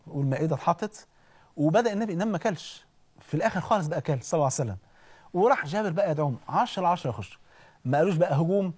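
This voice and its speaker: A man with an Egyptian accent preaching in an animated, conversational storytelling way, often checking in with listeners. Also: a little high, slightly rough. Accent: Egyptian Arabic. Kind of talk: storytelling sermon.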